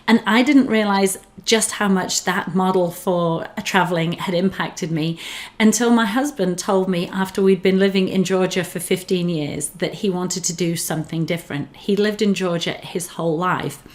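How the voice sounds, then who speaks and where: Her voice is lowish with a darkish tone, and her English accent reflects a childhood in northern England. She is a relocation specialist giving an earnest, encouraging, scripted personal talk straight to the camera.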